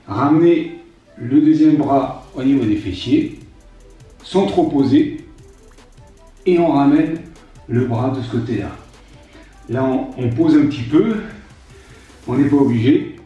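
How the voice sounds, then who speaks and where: A soft, mellow, mid-range male voice belongs to a life coach in his fifties guiding a strength workout on an exercise mat at home for an instructional video. Gentle and reassuring, he repeatedly warns against straining and hesitates frequently. The muffled recording has him distant from the mic in a heavily echoing room, with faint music underneath.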